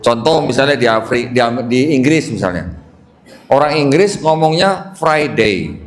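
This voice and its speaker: A man's voice: mid-range voice, lively intonation, moderate pace. A man preaching to a live audience as a convert preacher, quizzing listeners and coaxing answers from them. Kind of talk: lively question-and-answer talk.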